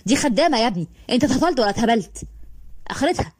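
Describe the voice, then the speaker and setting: Snobbish shouting uncle, woman voicing, contemptuous, Egyptian accent, fast storybook read. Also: on the high side, sing-song, dry recording. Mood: scornful. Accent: Egyptian Arabic. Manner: scornful, shouting.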